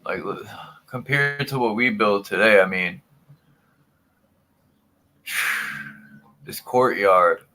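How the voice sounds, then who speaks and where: A man's voice: fairly low pitch, lively intonation, very slow, pauses often, pushed and bright, a little hiss or hum. A man hosting a casual livestream chat, rambling and swearing offhandedly as he talks through what is on screen. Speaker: livestream host.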